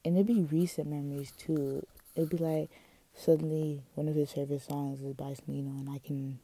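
A woman's voice: deep voice, level tone, normal speed, warm tone, low-quality recording. A woman hosting a casual, candid solo podcast, musing and confiding with slang and swearing, her articulation slightly off from wearing a retainer.

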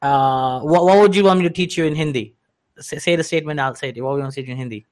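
Upbeat man co-hosting a podcast. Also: a little high. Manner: playful, repeats himself, teaches phrases slowly. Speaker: podcast co-host. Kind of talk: casual podcast chat.

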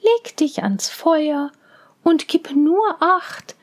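A woman voicing a kind, caring mother in a fairy tale reading, gentle and soothing. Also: sits high, extremely slow, voice pushed up.

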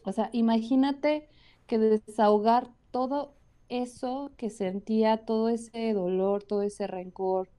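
Warm, chatty Mexican woman. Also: on the high side, steady tone, takes it slowly. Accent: Mexican Spanish. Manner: chatty and earnest, with lots of fillers. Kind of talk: casual conversation.

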